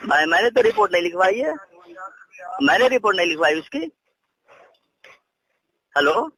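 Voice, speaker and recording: A heated phone argument features a senior police official, a middle-aged man who scolds, cuts in, and stumbles into repeated words. He speaks at normal speed in a high voice with big pitch swings, sounding pushed and bright with a breathy edge. The call audio has no room sound.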